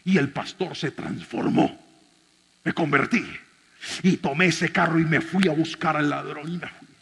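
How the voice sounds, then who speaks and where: A man, a pastor, preaching a sermon and telling a personal story in an animated way, shifting from shouting to soft speech. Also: on the high side, a little slow, vocal fry, slightly rough, in a large hall.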